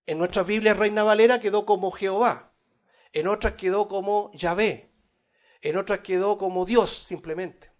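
A man preaching a Bible study sermon, addressing his listeners as brothers, growing loud on scripture and dropping quiet on asides. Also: fairly even intonation, normal speed. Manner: rises in volume on scripture, drops low on asides. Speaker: pastor.

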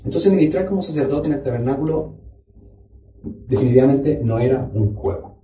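A man preaches a Bible study, reading scripture aloud to his congregation. His voice is dark and mellow, and it comes from a distance in a roomy, echoing church hall. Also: medium pitch, expressive, moderate pace. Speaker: pastor. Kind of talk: sermon. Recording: echoey room, voice from far off.

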